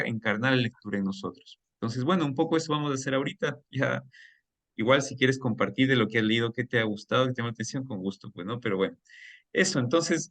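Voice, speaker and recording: A man hosting a reading group, talking in a relaxed, casual way with many rhetorical questions. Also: medium pitch. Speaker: reading club host. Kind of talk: casual book club discussion over a call.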